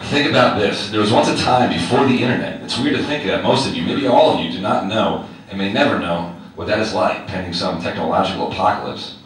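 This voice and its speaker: Speaking a little fast with hardly any pauses, this lowish-voiced man is a teacher reading a personal essay he wrote to a live crowd. His tone is wry and chatty, and he asks the audience direct questions. The recording has heavy hall echo, a far-off mic and faint noise.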